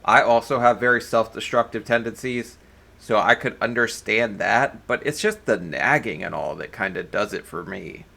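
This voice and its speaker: A man's voice: lowish voice, moderate pace, vocal fry. A man hosting a reaction video, giving blunt, crude casual commentary. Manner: blunt, crude jokes, animated.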